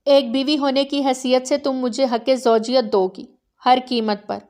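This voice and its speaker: A cold, possessive young chieftain read by a woman speaks in a measured, level tone. The voice sits fairly high for the part. His lines come slowly and steadily in this audiobook story. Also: little pitch movement, a little mellow, lightly acted. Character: stern proud young male chieftain husband.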